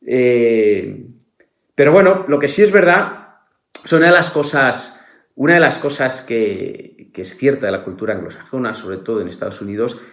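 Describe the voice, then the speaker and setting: A middle-aged man from Spain with a Spanish accent, a podcast guest in casual conversation who talks haltingly with many restarts and filler tags. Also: medium pitch, lively intonation. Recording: roomy echo.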